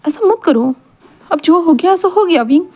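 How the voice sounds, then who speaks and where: A woman voicing a teasing, affectionate young male lover in a read-aloud fan story, coaxing and drawn-out. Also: very high-pitched, lively intonation, a little mellow, pitched above the performer's own voice. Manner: playful, coaxing, drawn-out endearments.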